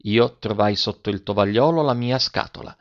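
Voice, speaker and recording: A man narrating a classic children's story in a measured, gentle reading, in a slightly dull recording. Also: fairly low pitch.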